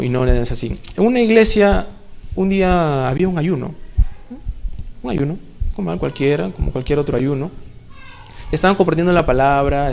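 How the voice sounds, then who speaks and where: Gravelly-voiced man preaching a sermon. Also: a little high, darkish tone. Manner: conversational preaching with rhetorical questions and playful asides.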